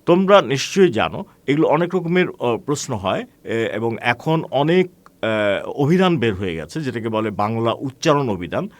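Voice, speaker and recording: A man teaching an online class, explaining in a measured way with frequent hesitations, asking rhetorical questions and calling his students friends. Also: medium pitch, sing-song, dry recording. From Bangladesh.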